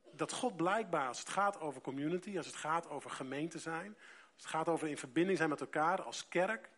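Delivering a sermon, this fairly high-pitched male pastor reads from scripture, stressing important words as he slows his pace and raises his volume.

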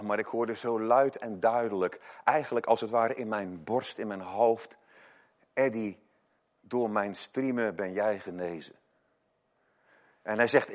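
A man preaching a sermon, telling stories of believers and swinging between loud emphatic lines and hushed ones. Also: on the low side.

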